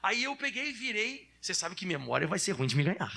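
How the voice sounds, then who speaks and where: A man in his thirties preaching as a pastor in church, lively and animated, acting out children's whiny voices. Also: sits high, normal speed, creaky. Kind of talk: sermon.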